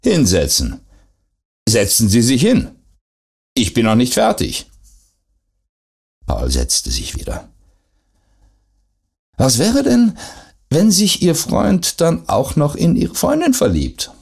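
A man voicing a sharp, probing female interrogator who presses with pointed questions in an audiobook reading. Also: medium pitch, wildly swooping pitch, takes it slowly, gravelly, long pauses, husky, pitched above the performer's own voice, full character voice. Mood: pressing.

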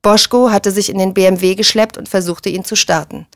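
A woman narrating a thriller audiobook in a steady, measured way. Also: mid-range voice, dry recording, studio quality.

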